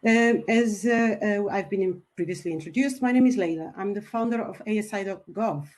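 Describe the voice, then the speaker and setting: A woman from Portugal opens a webinar talk over a video call. Her voice sits at a middle pitch, polite and measured, with small hesitations and fillers as she gets going. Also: a little mellow. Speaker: webinar speaker, company founder. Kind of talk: online webinar presentation.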